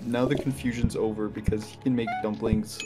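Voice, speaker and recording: A man's voice: fairly low pitch, flat delivery, brisk. A young man chatting casually with friends as he plays a co-op video game. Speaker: player in a group co-op video game session. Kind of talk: casual gaming chat. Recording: music behind voice.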